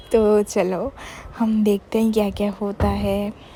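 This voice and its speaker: A woman's voice: medium pitch, level tone, takes it slowly, warm tone, a little hiss or hum. A young woman from Bengal, chatting casually over her vlog footage and mixing in English words and fillers. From Bengal, India. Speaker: vlogger.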